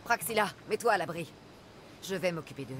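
A woman's voice: fairly low pitch, lively intonation, a little fast, heavy background noise, close to an everyday voice. An actress playing a tough young female mercenary in a video game, with a dry, self-assured manner. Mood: firm. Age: young adult. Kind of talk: video game character acting in French dub.

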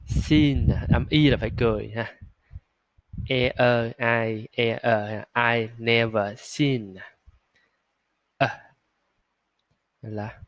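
A man leads an English pronunciation lesson, pausing on fillers and drawing each model word out very slowly. His voice sits at an ordinary middle pitch. The sound is dry and close, with almost no room echo. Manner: slow, drawn-out model words, frequent filler "à". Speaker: English teacher.

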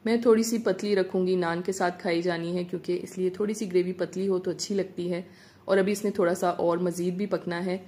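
A woman narrating a home recipe as a voice-over, giving calm step-by-step cooking instructions. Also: lowish voice. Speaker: cooking channel host.

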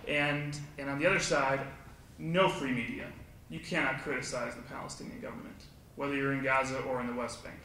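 A man's voice: mid-range voice, steady tone, fairly quick, bright, forceful tone. A man on a conference panel argues his point with force and a sarcastic edge. He sounds far from the mic, and his voice rings through a very echoey hall over a faint hiss. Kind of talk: panel discussion argument.

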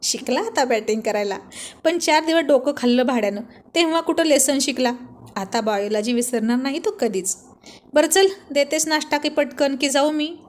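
A woman voicing a playful, teasing young husband in a storybook, joking and bantering in a fairly high voice. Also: moderate pace, lightly acted.

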